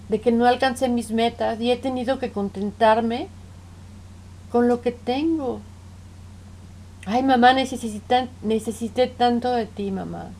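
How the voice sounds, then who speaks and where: A woman's voice: a little high, a little mellow, a little hiss or hum. A woman speaking as a middle-aged counseling patient who reproaches her parents, pleading and repeating "mom" between accusations.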